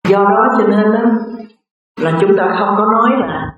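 A woman, a Buddhist nun telling a moral story in a slow, unhurried sermon. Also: medium pitch, fairly bright tone. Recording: very echoey, distant, dull lo-fi sound.

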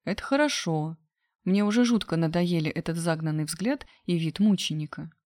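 A woman's voice: fairly low pitch, moderate pace, darkish tone, no room sound, clean studio sound, lightly acted. A woman voicing a jokey playboy brother. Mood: mocking. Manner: jokey and mocking. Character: joking playboy brother, man around thirty. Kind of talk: audiobook character voice.

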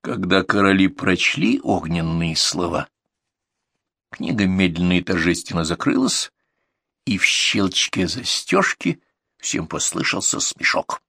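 A man reads a fairy tale aloud in an expressive, measured style. His voice is low, with gravelly texture and a lively pitch that rises and falls. The recording is dry and close, with no room sound. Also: dry recording. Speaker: narrator. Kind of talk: storybook narration.

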